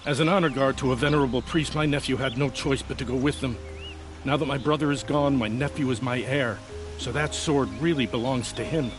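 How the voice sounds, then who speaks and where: A man's voice: medium pitch, a little fast, music in the background, natural voice. An actor playing an aggrieved nobleman in a video game, speaking in an earnest, proud and formal manner. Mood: earnest, sorrowful. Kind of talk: video game dialogue acting.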